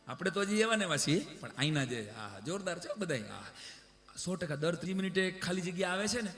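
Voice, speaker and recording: A man who tells folk stories on stage. He chants verse in a loud, rhythmic way, then drops into joking chat. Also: fairly high pitch. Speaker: folk storyteller and stage humorist. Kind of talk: live stage storytelling with recited folk poetry. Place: stage before a live audience. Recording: roomy live hall with faint music.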